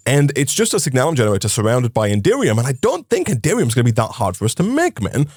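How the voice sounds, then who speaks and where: A chatty man explains game mechanics to his co-host, with fillers as he thinks. His pitch swings widely as he talks. The sound is dry and close. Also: wildly swooping pitch, fast, darkish tone, husky, dry recording. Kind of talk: casual gaming chat.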